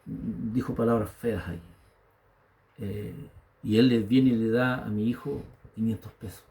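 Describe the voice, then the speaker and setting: Chilean pastor preaching with a dark voice. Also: male voice, fairly low pitch, level tone, a little slow. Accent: Chilean Spanish. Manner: storytelling preacher, rising to emphatic exhortation. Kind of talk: sermon.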